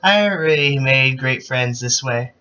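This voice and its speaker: A man's voice: mid-range voice, expressive, measured pace, bright, forceful tone, clean tone. A man voicing a sentimental teenage goth girl in a hammy, mock-dramatic fan fiction reading. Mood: earnest, wistful. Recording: dull lo-fi recording.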